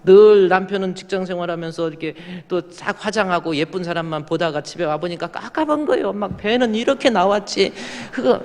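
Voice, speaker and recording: A man's voice: sits high, brisk, hardly any pauses, darkish tone. A man preaching a sermon as pastor, telling stories in a folksy way and acting out little scenes of his church members. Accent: Korean. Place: church sanctuary. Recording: long reverb of a large hall.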